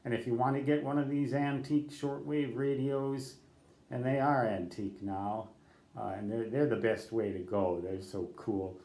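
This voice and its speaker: An older male ham radio operator addresses the camera without a script, rambling through advice, catching his own mistakes, and spelling letters in radio code. His medium-pitched voice is mellow, with a steady tone and moderate pace, in an echoey room.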